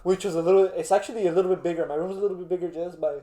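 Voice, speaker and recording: A young man with a soft, mellow tone and a fairly high-set voice talks in a laid-back stoner way. His chat is slangy and peppered with curses, in a roomy, echoing space. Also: fairly even intonation, racing. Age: young adult. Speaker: co-host. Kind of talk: casual chat. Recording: roomy, echoing indoor sound.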